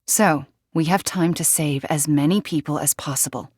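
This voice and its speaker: A woman's voice: deep voice, normal speed, a little mellow, no echo. A woman voicing an earnest, guilt-ridden young witch heroine with a dry wit in a video game. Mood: determined. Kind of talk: scripted video game voice lines.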